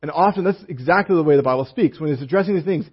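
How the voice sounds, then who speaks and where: A man's voice: on the high side, rapid-fire, breathy edge, lo-fi sound. A man preaching a sermon as a pastor, reading scripture aloud and explaining it with casual asides and humor.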